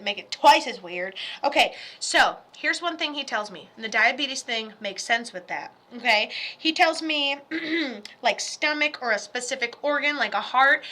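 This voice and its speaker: A woman with a high, bright voice gives a medium's reading over a video call. She talks in an animated, chatty rush, tossing in asides and the occasional curse. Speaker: psychic medium.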